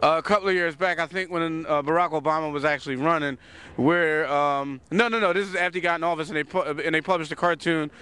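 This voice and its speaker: A man hosts a loose, chatty talk show from a city park, restarting and repeating words as he goes. His voice is bright, crisp and sits somewhat high. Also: fast talker. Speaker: host. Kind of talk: casual outdoor talk show.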